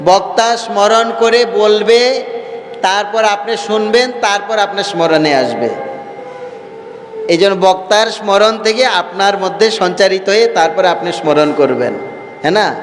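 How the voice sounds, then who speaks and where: A man, a monk preacher, giving a slow devotional sermon, repeating his phrases and putting questions to his listeners. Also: high-pitched. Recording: roomy hall reverb with faint music.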